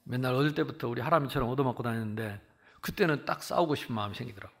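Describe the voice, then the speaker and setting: Older pastor guy in his 60s, gravelly voice, sermon full of stories, jumps loud then quiet. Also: medium pitch, racing. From Jeolla region, South Korea. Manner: animated storytelling, acts out quoted dialogue, swings from loud to hushed.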